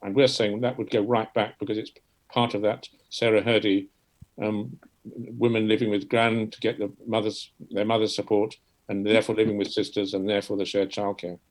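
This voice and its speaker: A man's voice: on the low side, level tone, normal speed, rough recording. A man talking through an academic argument in discussion, repeating words as he restarts his sentences.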